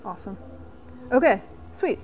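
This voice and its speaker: A woman hosting a hands-on workshop tutorial, walking through each step slowly with frequent "um" pauses. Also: fairly high pitch, lively intonation, very noisy. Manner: explains step by step with many "um" pauses. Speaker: vlog host.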